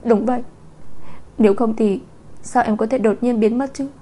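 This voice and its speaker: A woman's voice: a little high, steady tone, moderate pace, dark tone, lightly acted. A woman reader voicing a frightened, tearful young woman who pleads with her lover, in a storybook reading. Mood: bitter complaining. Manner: pleading, sobbing.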